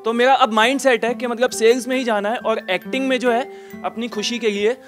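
A young man in his twenties, an audience member at a seminar, answering questions in an earnest, soft-spoken way. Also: very high-pitched, steady tone, fairly quick, soft background music.

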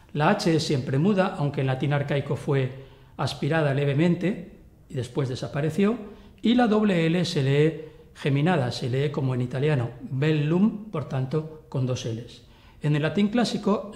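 A man's voice: on the high side, a little mellow. Man teaching in an echoey room. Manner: clear explanatory, slows down to spell out pronunciations. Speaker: lecturer. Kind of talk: recorded university lecture.

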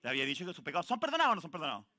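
Chilean pastor, male, high bright voice, lively joking sermon delivery. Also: rapid-fire. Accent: Chilean Spanish. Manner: lively, jokes with the congregation, calls out people by name. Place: church.

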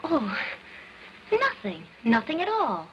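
Soft-spoken evasive young woman, lively voice, old movie style. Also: high voice, slow pace, highs cut off, a little hiss or hum, exaggerated voice. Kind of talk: early sound film acting.

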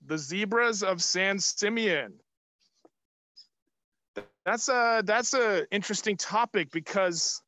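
A man in his thirties, wearing a surgical face mask, hosts a live outdoor tour for children on an open hilltop terrace, projecting his sharp, high voice upbeat and quizzing the kids. It's captured by a phone or camera held at arm's length, like a video call, with no room sound.

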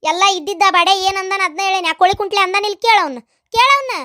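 A cackling-high, rapid old village woman from a comedy cartoon, scolding her family with a North Karnataka accent, as a woman puts her on. She talks in quick, piping bursts and keeps complaining that nobody values her. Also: animated, bright, forceful tone, exaggerated voice. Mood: grumbling. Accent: North Karnataka Kannada. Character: grumbling self-pitying old village woman.

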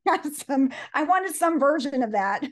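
A Los Angeles life coach in her forties, whose first language is Spanish, tells her story earnestly over a video call from her home office, reflecting and laughing often. She's picked up by a webcam mic. Her high-pitched voice has lively intonation and a slightly slow pace.

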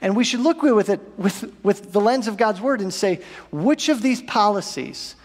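A man in his thirties preaching a sermon from a church stage, animated and asking the congregation rhetorical questions. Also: sits high, normal speed. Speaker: pastor. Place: church auditorium stage with audience. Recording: long reverb of a church hall.

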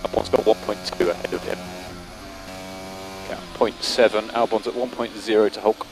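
A man works as race engineer, relaying short, matter-of-fact instructions over race car radio. His voice is low, with obvious vehicle noise on the channel. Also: fairly even intonation, moderate pace. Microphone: radio headset.

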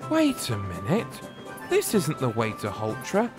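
A man's voice: medium pitch, wildly swooping pitch, measured pace, music in the background. A man voicing a cheerful, well-mannered male tank engine in a storybook tale. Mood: puzzled.

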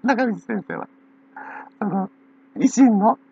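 A woman's voice: medium pitch, lively intonation, takes it slowly, vocal fry, dark tone, husky, dry recording. A woman with a Kansai accent talking in a rambling casual monologue, laughing often between phrases, on a dull lo-fi recording. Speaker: channel owner.

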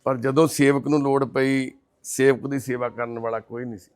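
A man narrating a charity case in a gentle, measured manner. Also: medium pitch, level tone. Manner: gentle, consoling, measured delivery. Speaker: charity worker presenting a case. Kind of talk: documentary-style narration and on-site questioning.

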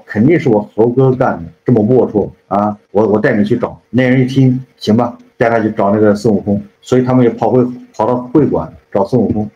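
Guy rambling through an old novel, super fast, lots of filler words, dark mellow voice, echoey room. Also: on the low side, slight background noise. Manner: rambling, many repeated fillers and tag questions. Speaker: storyteller, channel host. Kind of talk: casual retelling of a classic novel. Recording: roomy, slightly dull sound.

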